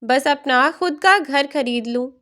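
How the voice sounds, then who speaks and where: A woman voicing a grown son in a storybook tale, reassuring his father quickly. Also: sits high, bright, forceful tone, exaggerated voice.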